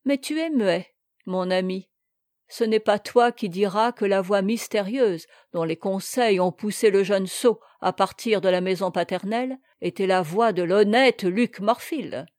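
A woman's voice: medium pitch, a little slow, darkish tone, dry recording, clean studio sound, natural voice. A woman reading aloud voices a scheming, greedy aging male steward who talks with fervent, sneering intensity.

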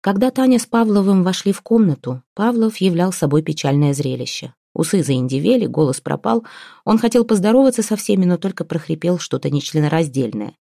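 A woman narrating an audiobook in a lively, expressive manner, acting out the characters. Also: fairly low pitch, fairly quick, creaky, dry recording, studio quality. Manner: lively, acts out every character. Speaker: audiobook reader.

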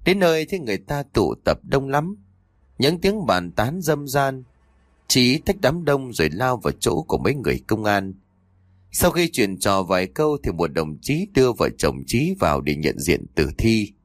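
A man narrating a ghost story for an audiobook in an expressive storytelling manner. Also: mid-range voice, moderate pace, no echo, studio quality. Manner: expressive, voices the characters' cries and quarrels.

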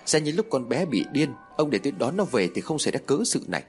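A man's voice: mid-range voice, sing-song, quick pace, faint music behind, pitched above the performer's own voice. A man voicing a grieving, frantic older mother who cries and blames her husband. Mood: distraught. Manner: tearful, accusing outbursts.

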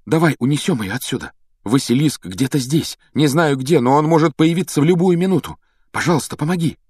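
A man's voice: fairly low pitch, big pitch swings, quick pace, slightly rough, dry recording. A man voicing a frightened twelve-year-old boy wizard, pleading with breathless urgency. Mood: urgent. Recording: dry close audiobook sound.

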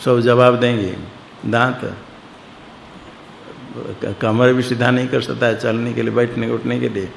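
A man's voice: mid-range voice, little pitch movement, measured pace, gravelly, long pauses. A man teaching a scripture lesson, explaining it word by word and putting questions to his class. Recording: echoey hall with faint background noise.

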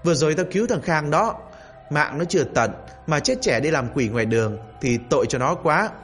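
Man doing a gruff teasing old ancestor spirit. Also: on the high side, lively intonation, a little fast, fairly bright tone, soft background music. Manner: gruff, bantering, folksy. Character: teasing old great-grandfather spirit, male.

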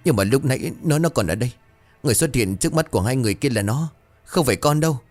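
Frightened young servant, stammering and pleading, pitched high , voiced by a male narrator. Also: lively intonation, fast, soft background music, lightly acted. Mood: terrified pleading.

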